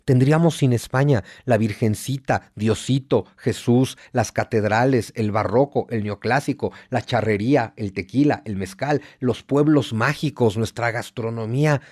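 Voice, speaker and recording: A Mexico City man in his forties holds forth as a guest, building long lists and firing rhetorical questions with conviction. His voice sits in a middle pitch. The sound is close and completely dry. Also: moderate pace, few pauses, a little mellow, no echo. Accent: Mexico City Spanish. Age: 40s. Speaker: guest writer. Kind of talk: conversational interview.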